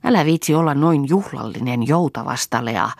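A woman playing Toini, a teasing sharp-tongued young woman. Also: a bass voice, lively intonation, vocal fry, no echo, studio quality, full character voice.

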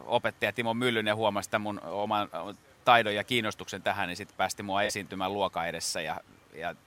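A man's voice: lowish voice, fairly even intonation, sharp tone. A man, a guest impressionist, telling stories in a rambling way, with many fillers and restarts, in a radio studio. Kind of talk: casual interview talk.

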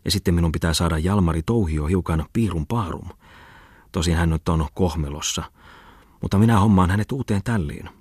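A man doing an excitable rambling scholar. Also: deep voice, husky, dry recording, studio quality. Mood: excited. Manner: rapid exclamatory rambling. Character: excitable bustling male scholar, garrulous, scheming.

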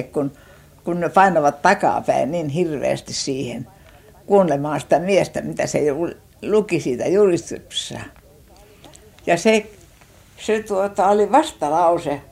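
An older woman from Finland recounting childhood memories in an unhurried oral-history style, often pausing to search for words and restarting her sentences. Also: lowish voice, darkish tone.

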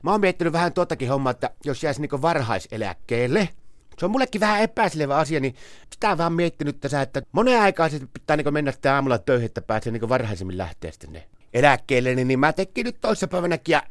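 A man playing a naive, bewildered henpecked man in a comedy sketch, rambling and muddling his words excitedly. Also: a little high, no room sound. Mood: muddled. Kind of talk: scripted comedy dialogue.

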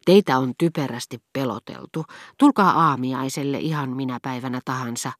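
A woman's voice: rumbling low, no room sound, clean studio sound. A woman as a poised, worldly duchess. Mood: brisk, coaxing. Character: elegant, worldly aristocratic duchess.

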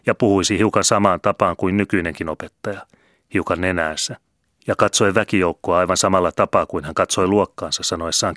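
A man calmly reading a novel aloud as an audiobook narrator. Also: deep voice, no echo, clean studio sound. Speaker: audiobook reader. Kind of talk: scripted narration.

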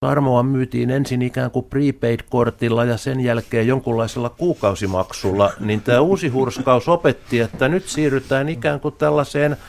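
Gravelly-voiced man explaining thoughtfully. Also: medium pitch, hardly any pauses, darkish tone. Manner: thoughtful, restarts and repeats words while explaining. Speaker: theology professor guest. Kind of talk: explanatory discussion.

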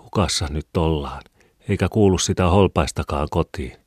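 Storybook: weary, pleading mother at the end of her strength, a deep-voiced man reading her lines; dry booth. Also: a little mellow, husky, dry recording. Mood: weary worried. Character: exhausted poor mother, anxious and weary.

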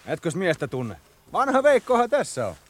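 An actor playing a hearty, tipsy soldier comrade in a radio play, who coaxes and laughs easily. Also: male voice, sits high, wildly swooping pitch, fairly bright tone, full character voice. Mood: soothing.

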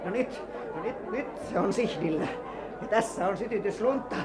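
A ruthless, imperious queen who gives her orders coldly, as a woman acts her out. Her voice sits at a middling pitch, and faint crowd noise runs under the old radio play. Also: expressive, lightly acted. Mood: commanding. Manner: cold, commanding. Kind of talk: vintage radio drama acting.

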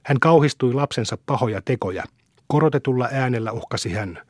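A man reading a novel aloud in steady scripted narration. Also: mid-range voice, no room sound, studio quality. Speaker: audiobook reader.

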